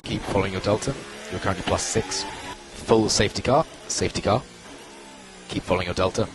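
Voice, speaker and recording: A man working as a race engineer on team radio, giving calm, clipped spotter-style instructions and repeating key calls. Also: sits low, a little fast. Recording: radio transmission with loud music behind.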